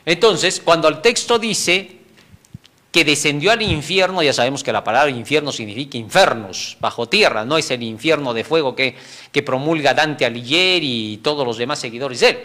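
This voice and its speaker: A man teaching a Bible lesson in an expository style, animated and chuckling between points, often tagging his sentences with a question. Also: on the high side.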